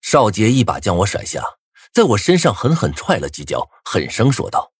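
A man narrating a first-person novel in a dramatic, expressive way, with a husky voice. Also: fairly low pitch, moderate pace, noisy background. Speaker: audiobook narrator.

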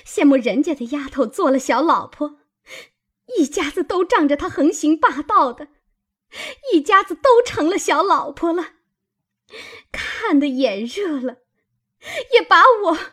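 A woman reader voicing a proud young maidservant who scolds in a high, loud voice and cries in anger. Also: big pitch swings, a little slow, breathy edge, full character voice. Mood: furious tearful. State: crying while scolding.

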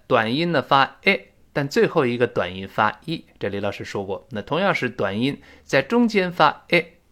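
A male English teacher giving an audio lesson, explaining pronunciation and slowly repeating English phrases to model them. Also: medium pitch, a bit bright.

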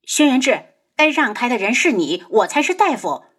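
A dignified young woman doctor speaks firmly, her pride turning to bitter mockery. A woman narrator reads her close to her own voice, with lively, expressive pitch. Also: normal speed, husky. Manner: firm, bitterly mocking. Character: proud young woman physician, hurt but dignified.

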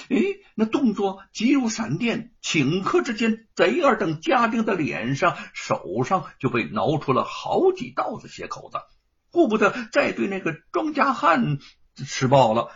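A man narrating a story in an animated, dramatic storytelling manner. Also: high-pitched, breathy edge. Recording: dull lo-fi recording.

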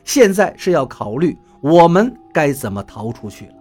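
A man reading a first-person story aloud in an expressive way, moving between tense and wry. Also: on the high side, moderate pace. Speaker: audiobook narrator. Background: faint music.

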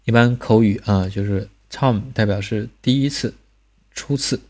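Low-voiced male language teacher. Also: a little mellow. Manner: patient, drills sounds slowly with repetition. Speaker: Korean pronunciation teacher. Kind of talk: recorded language lesson.

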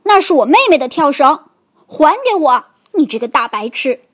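A woman's voice: high voice, lively intonation, unhurried. A woman voicing a brave, indignant young bear boy in a storybook. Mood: angry. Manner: loud, indignant.

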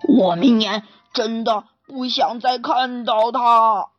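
A woman's voice: on the high side, takes it slowly, lo-fi sound, soft background music, pitched below the performer's own voice. A woman voicing a nervous, anxious dentist in a children's storybook, stammering and fretful. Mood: relieved.

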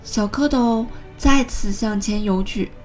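A woman narrating a children's story in a gentle, expressive way. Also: medium pitch, takes it slowly, faint music behind.

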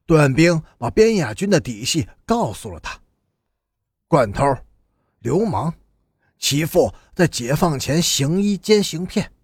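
A man narrating an audiobook novel in steady storytelling, with expressive rises and falls. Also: fairly high pitch, a little slow, slightly rough, no echo, clean studio sound.

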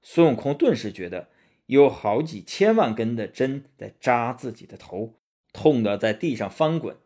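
A man narrating a storybook in an expressive, rising-and-falling storytelling manner. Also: mid-range voice, normal speed.

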